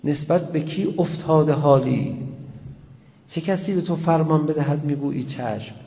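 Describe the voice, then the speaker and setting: A man's voice: a little high, long reverb tail, dull audio. A man giving a religious lecture in a conversational way, full of rhetorical questions and acted-out dialogue. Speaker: preacher.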